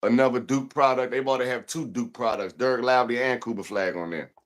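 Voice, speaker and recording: A man's voice: medium pitch, fast talker. Middle-aged male sports-show host, casual slangy talker, repeats himself.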